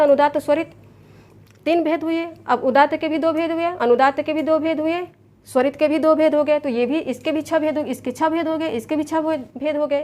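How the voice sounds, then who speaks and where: A woman's voice: sits high, a little mellow. A woman, patiently teaching an exam lesson from a chart, repeating terms and counting them aloud. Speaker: Sanskrit exam coach. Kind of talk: recorded online lesson explaining a chart.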